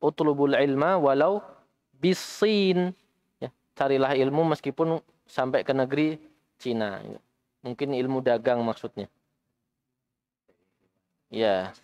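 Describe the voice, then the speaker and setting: Slow, patient male Arabic teacher. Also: medium pitch, a little mellow, dry recording. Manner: patient, repeats students' answers slowly and corrects them. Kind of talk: Arabic language lesson. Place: mosque study session.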